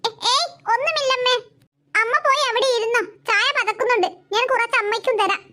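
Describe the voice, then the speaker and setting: A woman's voice: very high voice, fairly quick. Woman doing a sweet dutiful cartoon girl. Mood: gentle. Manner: soft, polite, sweet. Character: gentle dutiful young woman. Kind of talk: cartoon voice acting.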